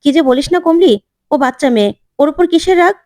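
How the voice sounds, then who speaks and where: A woman voicing a kind, caring middle-aged woman who speaks with gentle concern. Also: very high voice, lively intonation, fast talker, dry recording, clean studio sound, pitched above the performer's own voice.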